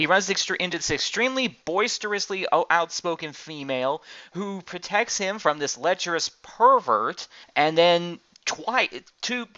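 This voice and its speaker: A podcast host leads a casual online group voice call about anime and card games, rambling as he explains his opinions. His voice sits high, pushed and bright, and the voice chat sounds dull and lo-fi.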